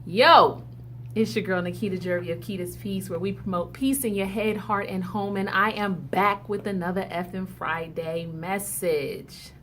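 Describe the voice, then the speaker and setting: A woman's voice: medium pitch, fairly even intonation, moderate pace, few pauses, slight background noise. A mother hosting her own video blog from home, talking casually to camera in a slangy, chatty way and laughing often. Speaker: vlog host. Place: indoors at home.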